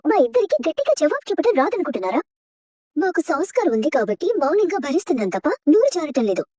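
A woman's voice: high voice, sing-song, dry recording. An actress playing a spirited young woman who angrily refuses an arranged marriage in a TV serial drama. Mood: indignant. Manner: indignant, sharp, fast retorts. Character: spirited young woman, bride-to-be, angry and defiant.

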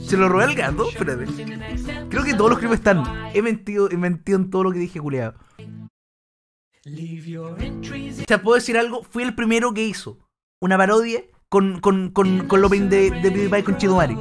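A young man with a Chilean accent rambles through a casual reaction stream, his voice sitting high for a man. He leans on crude slang and stumbling restarts. He also puts on a self-consciously fake, exaggerated voice meant for the internet. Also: normal speed, long pauses, music in the background. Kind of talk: casual livestream reaction chat.

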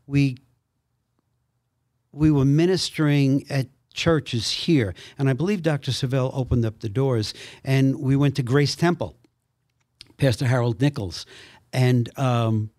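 A man's voice: mid-range voice, slow pace, long pauses, dry recording, studio quality. Older man telling stories, acting out voices. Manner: animated storyteller, acts out voices. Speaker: guest. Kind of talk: storytelling in a conversation.

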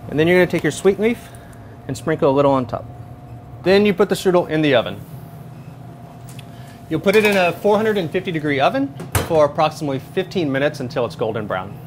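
Chef in his thirties, slightly high voice, walks through a recipe step by step, lapel mic in a large kitchen. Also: quick pace, pauses often, slight background noise. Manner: steady step-by-step instruction. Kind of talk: cooking demonstration. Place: large professional kitchen, indoors.

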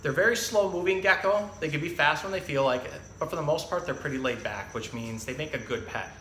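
A zookeeper in his thirties leads an animal storytime, giving a casual, plain-spoken educational talk and reading a picture book to children. His bright, forward voice is average in pitch and fairly quick. The hard-walled, tile-floored room is echoey, with faint background noise.

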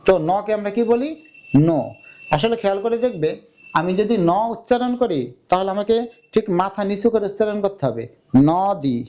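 Preparing his class for an exam, a young male teacher walks through grammar one step at a time in a warm, mellow voice that is high for a man. He is animated and brisk, often posing questions to students and supplying the answers, and the recording's highs are cut off.

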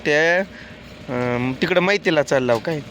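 A man talks in a nagging, exasperated way, scolding his family through a comic skit of village life. His voice sits a little higher than most men's. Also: takes it slowly, background noise. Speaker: comic vlogger.

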